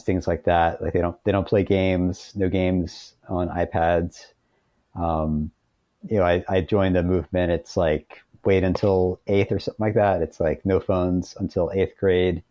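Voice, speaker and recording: A middle-aged American man appears as a guest author in a conversational interview, explaining things earnestly. His voice is deep, with a dark tone. The call audio is dull and lo-fi, with a roomy echo.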